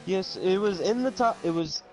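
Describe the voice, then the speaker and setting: A man's voice: high-pitched, normal speed, a little mellow, soft background music. A man co-commentating on an online sim race, explaining tire strategy in detail.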